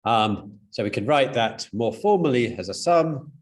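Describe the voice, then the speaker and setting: A man's voice: medium pitch, lively intonation, a little slow. Man lecturing on statistics. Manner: explanatory, with frequent fillers and restarts. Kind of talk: university lecture.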